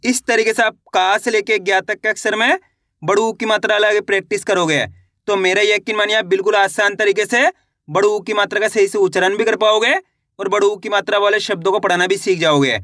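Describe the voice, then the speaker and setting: A man teaching beginners to read, sounding out each letter slowly and encouraging his viewers, checking often whether they follow. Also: high voice, steady tone, pushed and bright, dry recording, clean studio sound. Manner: encouraging, addresses viewers as friends. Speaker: reading teacher. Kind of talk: beginner reading lesson.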